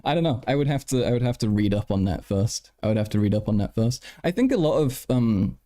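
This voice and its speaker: A man's voice: medium pitch, lively intonation, quick pace, dark tone. A tired man chatting casually on a late-night livestream, stuttering, repeating words and swearing as he answers his chat. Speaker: live streamer.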